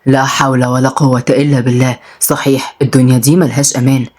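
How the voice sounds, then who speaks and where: A woman voicing a blunt middle-aged father, an engineer, in a lowered voice. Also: rapid-fire.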